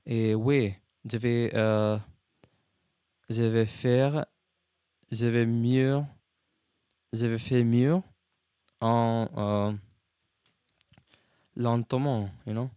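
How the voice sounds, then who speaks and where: A man learning French as a second language, with a foreign accent in French, talking casually in a vlog and haltingly searching for words as he switches languages. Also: medium pitch, fairly even intonation, mellow, clean tone, dry recording, studio quality. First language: not French, a learner. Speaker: language learner, video host.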